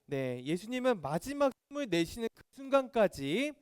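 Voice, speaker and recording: A man's voice: very high-pitched, normal speed, smooth, dry recording, clean studio sound. A man giving a children's sermon, asking the kids questions and acting out voices. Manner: animated, asks children questions; acts out quoted voices. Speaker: children's ministry preacher.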